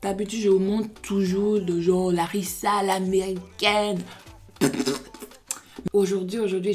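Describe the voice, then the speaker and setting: A young woman with a Beninese French accent, from Benin and raised in the United States, chatting through a casual makeup tutorial and slipping English phrases into her French. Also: mid-range voice. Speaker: beauty vlogger.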